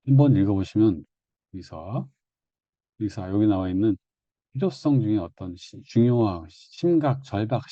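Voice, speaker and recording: A man's voice: lowish voice, mellow, no echo, highs cut off. A man giving an online exam-prep lecture in a conversational, repetitive teaching manner, often correcting himself mid-phrase.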